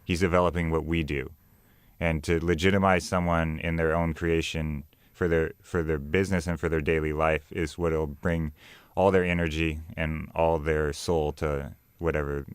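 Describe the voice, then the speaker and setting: A man's voice: very deep voice, level tone, normal speed, smooth, dry recording, studio quality. A man talking casually as an artist guest in an interview.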